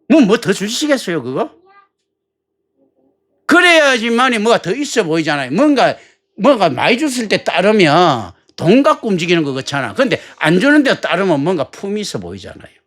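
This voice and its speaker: A man's voice: sits high, wildly swooping pitch, moderate pace, a bit bright. A male pastor preaching a sermon in a colloquial, joking way, full of rhetorical questions.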